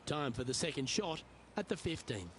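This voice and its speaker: A man's voice: on the high side, big pitch swings, moderate pace. A man playing an upbeat, composed golf commentator in a video game broadcast. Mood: measured, engaged. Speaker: golf commentator, lead announcer. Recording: outdoor ambience noise behind voice.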